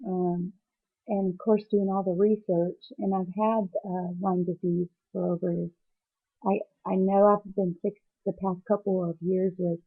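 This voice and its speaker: A woman's voice: lowish voice, little pitch movement, a little slow, phone-quality sound. A woman speaking hesitantly in a personal video diary, teary and emotional as if after crying, searching for her words. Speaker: patient vlogger.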